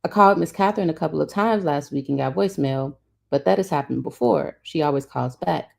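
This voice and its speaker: A woman's voice: low voice, brisk, gravelly, darkish tone. A woman reading a novel aloud, voicing the dialogue expressively. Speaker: reader.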